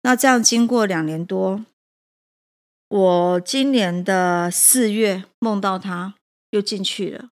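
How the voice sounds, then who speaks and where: A woman's voice: medium pitch, slow pace, darkish tone. A woman, a prison teacher and café owner, telling a personal story with emotion and hesitant restarts.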